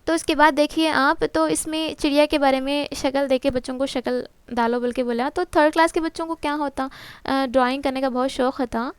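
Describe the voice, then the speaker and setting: A woman's voice: high voice, fairly even intonation, no echo. A woman teacher walks through a textbook lesson, asking and answering her own questions and mixing in English terms. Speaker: exam-prep teacher.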